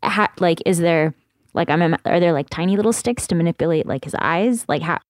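Lady host, curious and amazed, rambly questions, low-ish voice. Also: fairly quick, no room sound, studio quality. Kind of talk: interview questions.

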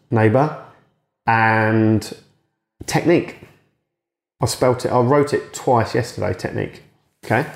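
A man's voice: medium pitch, gravelly. Man, frank and chatty, roomy sound. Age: late 30s. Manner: frank and chatty, swears, acts out remembered exchanges. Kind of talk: casual candid monologue.

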